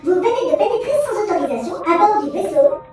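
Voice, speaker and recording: Woman as a very high-voiced automated ship assistant. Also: expressive, fast, dark tone. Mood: courteous, automated. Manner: scripted customer-service announcements, formal and unruffled. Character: polite automated female ship navigation assistant, menacingly courteous. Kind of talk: audio drama acting. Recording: very echoey, distant, music underneath.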